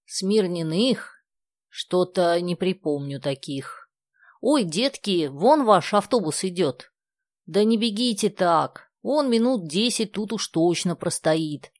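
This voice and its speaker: A woman reading aloud and voicing a kindly, talkative old village woman who speaks in a slow, folksy way. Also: lowish voice, animated, a little mellow, dry recording, studio quality, voice pushed up. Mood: folksy chatter.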